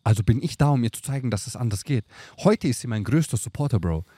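Fast-talking, emphatic slangy young man. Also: mid-range voice, animated, mellow, slightly rough, no echo. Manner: emphatic, slangy, street talk. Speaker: podcast guest. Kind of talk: casual chat. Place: outdoors on a tropical island at dusk.

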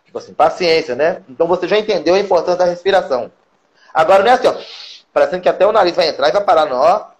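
A Brazilian man speaking as a psychoanalyst guest on a live-stream interview, talking in an animated, coaching way. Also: high-pitched, racing. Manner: animated, coaching, acts out quotes.

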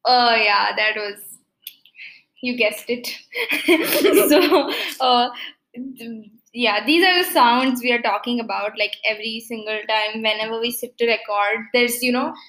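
Bright, giggly woman podcaster. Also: on the high side, unhurried. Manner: giggly, rambling storyteller. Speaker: podcast co-host. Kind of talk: casual chat. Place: at home.

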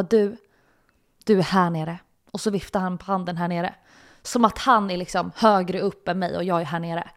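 Young Stockholm-accented woman, podcast host, lively first-person storytelling, mid-pitched voice. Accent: Stockholm Swedish. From Sweden. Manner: animated retelling, acting out quotes, laughing.

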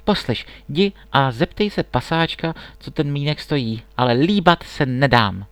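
A man's voice: fairly high pitch, lively intonation, fairly bright tone, no room sound. A man voicing a haughty, spoiled young princess in a storybook reading, imperious and raising his voice. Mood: indignant.

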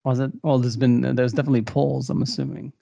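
Man, podcast co-host, gravelly voice, dry sound, casual rambling chat, frequent laughter. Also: mid-range voice, little pitch movement, quick pace, warm tone, no room sound. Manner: laughs often, rambling with many fillers.

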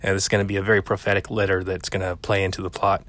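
A man's voice: deep voice, monotone, rapid-fire, fairly bright tone, no echo. A man casually recapping a film in a rambling, chatty way, with lots of fillers and the odd curse word. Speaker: film commentator.

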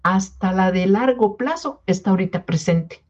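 A woman gives a casual wellness talk, speaking in a mellow, warm tone. She coaxes her listeners and keeps checking in with them. The recording sounds a little dull and muffled. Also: medium pitch, moderate pace. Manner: coaxing, repeats "¿sí?" to check in with listeners. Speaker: wellness product presenter. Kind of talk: informal health talk to distributors.

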